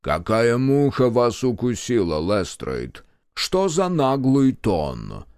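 Stern sarcastic official, as a male narrator plays him, ironic, menacing, lively swings in tone, dry close sound. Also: mid-range voice, slow pace, clean tone, no echo, heavily acted. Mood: irritated. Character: stern, sarcastic senior government official, older man.

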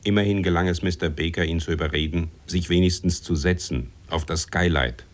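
A man playing a steady, dutiful first mate in a 1970s radio drama, talking in clipped phrases. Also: deep voice, fairly quick, lightly acted.

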